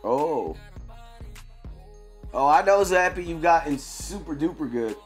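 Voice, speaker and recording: A man's voice: fairly high pitch, animated, slow pace, soft background music. Laid-back chatty male streamer. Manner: laid-back, chatty, slangy, addresses viewers as bro and dog. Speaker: game streamer. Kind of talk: casual livestream chat.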